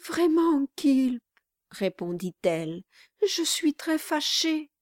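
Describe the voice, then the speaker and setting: A woman voicing a meek, tearful young wife who pleads softly in a storybook reading. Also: sits high, very animated, slow pace, dry recording, clean studio sound, voice pushed up, heavily acted. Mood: pleading. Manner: pleading, soft and submissive.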